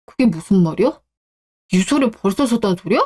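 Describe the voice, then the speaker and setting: A woman's voice: lively intonation, brisk, warm tone, slightly rough. A woman voicing an entitled middle-aged son who whines and complains indignantly in a radio drama. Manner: whiny and indignant, voice rising high. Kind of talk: Korean radio drama acting.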